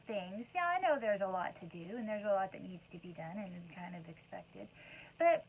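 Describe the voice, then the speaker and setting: Gravelly woman giving a casual motivational talk. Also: mid-range voice, animated, normal speed. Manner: rambling and conversational, many asides. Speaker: mother; wellness talk host. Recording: dull lo-fi sound with faint background noise.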